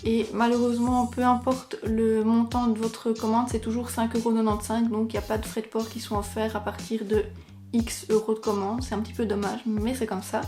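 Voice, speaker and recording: A woman's voice: fairly high pitch, flat delivery, a little fast, warm tone, faint music behind. A young woman, chatting casually as a beauty vlogger and filling her talk with little fillers. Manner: chatty, many fillers like "donc" and "ben". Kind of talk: casual chat.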